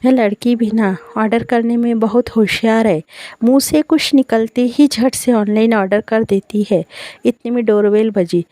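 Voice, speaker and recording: A woman narrating a scripted family story in the first person, in a calm, measured reading style. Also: fairly high pitch, no echo.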